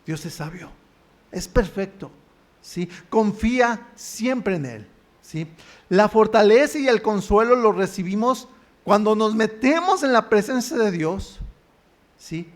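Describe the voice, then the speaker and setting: A pastor with a Mexican Spanish accent preaches a sermon in church, often posing questions to the congregation and then answering them himself. His voice is high and expressive, and he speaks slowly.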